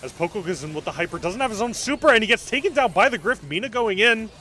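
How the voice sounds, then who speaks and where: A young man streaming live, giving excited play-by-play commentary on an esports match and answering chat between calls. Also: high-pitched, quick pace, slight background noise.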